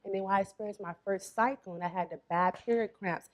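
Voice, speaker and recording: A young woman from Florida talks easily as an interview guest, telling stories about her work and her family at an even, unhurried pace. She often slips into quoting other people mid-story, and her voice sits at a middle pitch for a woman. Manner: relaxed storytelling, quotes her mother. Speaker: spa owner, guest. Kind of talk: casual interview talk.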